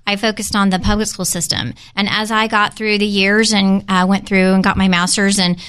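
A woman from Kansas speaking as a guest in an interview. Her voice is bright and smooth, and she answers earnestly, with frequent ums and uhs. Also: mid-range voice, flat delivery, moderate pace. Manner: earnest, with many fillers. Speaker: school administrator guest. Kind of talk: casual interview.

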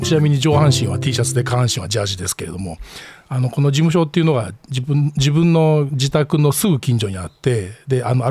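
A middle-aged man with a Kansai accent hosts a relaxed solo chat from his small office, rambling and self-deprecating, often chuckling. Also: medium pitch. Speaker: podcast host.

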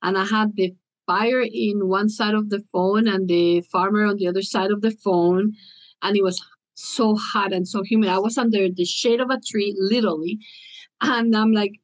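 A woman's voice: medium pitch, moderate pace, rough recording. Woman telling a story. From Colombia. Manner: animated storytelling. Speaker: interview guest. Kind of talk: podcast interview.

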